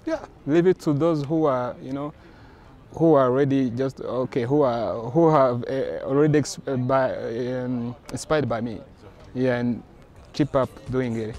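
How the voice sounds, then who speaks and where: A man's voice: mid-range voice, a little slow, muffled recording. A man from Rwanda, a comics creator, chatting casually in an interview and acting out the conversations he recounts. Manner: animated, acts out quoted exchanges.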